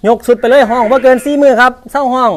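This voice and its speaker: A man with an Isan Thai accent giving a fast live sales pitch as a livestock seller, politely repeating himself. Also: flat delivery, noisy background. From northeastern Thailand. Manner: polite, repetitive, ends phrases with polite particles.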